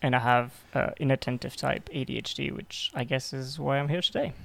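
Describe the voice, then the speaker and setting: A man in his twenties from Belgium, a podcast guest telling his story in a halting way, repeating words and filling pauses. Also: mid-range voice, vocal fry, fairly bright tone. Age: 20s. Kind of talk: casual interview.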